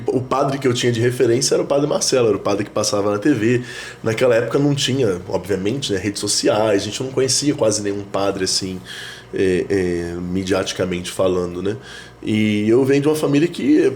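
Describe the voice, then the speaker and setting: A priest, talking reflectively in a casual interview, with many fillers and restarts. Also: male voice, lowish voice, darkish tone, slight background noise. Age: 30s. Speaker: priest, guest. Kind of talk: casual conversation.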